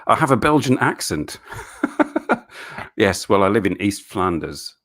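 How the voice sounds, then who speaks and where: Loosely chatting on a live stream, a middle-aged man from England voices viewers' questions and answers them in fits and starts, restarting and chuckling often. His deep, low voice has a sing-song, fairly bright quality.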